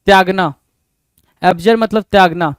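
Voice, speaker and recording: High-voiced male teacher drilling words. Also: measured pace, clear, resonant tone, dry recording. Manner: rhetorical questions to students, repeats words. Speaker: vocabulary teacher. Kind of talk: exam-prep vocabulary lesson.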